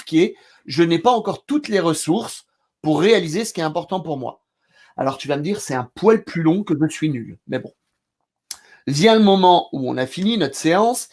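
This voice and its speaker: French male trainer, slightly high voice, animated storyteller in relaxed talk. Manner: animated storyteller, acts out scenes loudly. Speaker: therapy trainer. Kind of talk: casual discussion between therapists.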